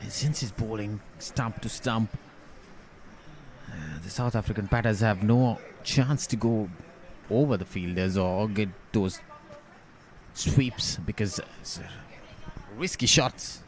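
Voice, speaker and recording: A man with a fairly low voice works as a live cricket commentator. He talks through the state of play in an analytical, explanatory way. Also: slow pace, pauses often, slight background noise.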